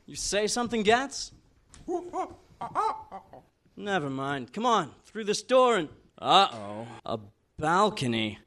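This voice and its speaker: A man playing a plucky, wisecracking adventurer in a comic audio drama, excitable and wry. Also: high-pitched, slow, pauses often, full character voice. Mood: wry, urgent.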